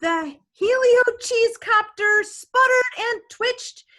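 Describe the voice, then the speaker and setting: A woman with a very high voice reads slowly, co-hosting a storytime and bringing a children's picture book to life expressively. Her manner is animated, with chatty asides directed at young listeners.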